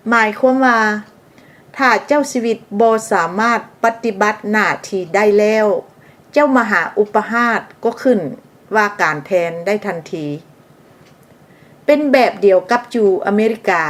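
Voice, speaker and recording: Woman narrating history with explanatory asides. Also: mid-range voice. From Laos. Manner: explanatory, adds asides for the listener.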